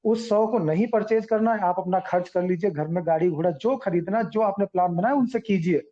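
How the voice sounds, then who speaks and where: Earnest guy talking at a meeting, high mellow voice, dull lo-fi sound. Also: a little fast. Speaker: speaker addressing a community meeting. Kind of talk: explanatory speech at a meeting.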